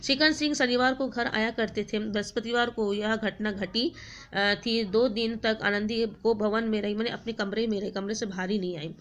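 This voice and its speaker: A woman's voice: medium pitch, steady tone, normal speed. A woman teacher retelling a story for a class, stopping often to explain words, with many fillers and self-corrections.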